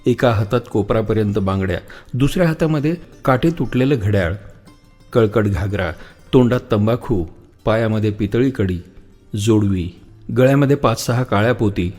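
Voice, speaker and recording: A man reading a literary story aloud in a measured, reflective storytelling manner. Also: fairly low pitch, a little mellow, soft background music. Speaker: narrator, audiobook reader. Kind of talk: literary audiobook narration.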